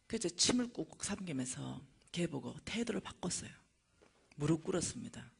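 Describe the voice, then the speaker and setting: A middle-aged woman, lecturing at a church and telling a personal testimony with animated storytelling. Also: fairly low pitch, moderate pace, creaky, husky. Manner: animated storytelling, acting out dialogue.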